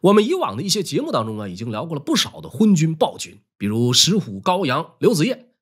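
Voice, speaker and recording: Husky, lively male history storyteller. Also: on the high side, fast. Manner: colloquial, wry, lively storyteller.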